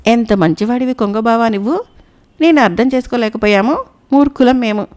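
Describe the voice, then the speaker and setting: Woman doing naive scared pond fish, pleading, kinda high voice. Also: fairly quick, a little mellow, lightly acted. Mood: grateful. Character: trusting, frightened pond fish.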